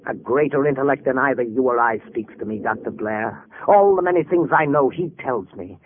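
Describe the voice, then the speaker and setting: An actor playing a deranged, grandiose scientist confined in a sanatorium, haughty and theatrical, in a vintage radio drama. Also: male voice, medium pitch, fairly quick, lightly acted. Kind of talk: 1940s radio drama acting. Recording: tinny, hissy vintage radio recording.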